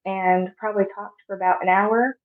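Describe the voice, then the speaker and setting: Young woman, 20s, from Arizona, soft halting storyteller, narrow phone-like audio. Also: mid-range voice, fairly even intonation. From Arizona, USA. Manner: soft, halting, with frequent pauses. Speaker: podcast guest. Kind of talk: personal storytelling.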